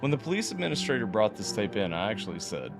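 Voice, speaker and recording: A man's voice: on the low side, very animated, fast, music in the background. A man reading a horror story aloud as a podcast host, stumbling and restarting now and then. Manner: reads unevenly, stumbles and restarts.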